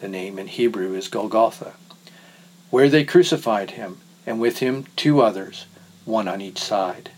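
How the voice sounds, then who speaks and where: Male scripture reader, mid-pitched, steady and solemn. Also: rough recording. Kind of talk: scripture reading.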